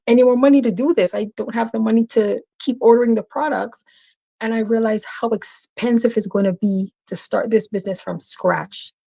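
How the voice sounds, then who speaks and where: A middle-aged woman from Barbados, a guest on an interview show, telling her story in a steady, matter-of-fact way. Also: medium pitch, vocal fry, dull audio. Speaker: guest business owner.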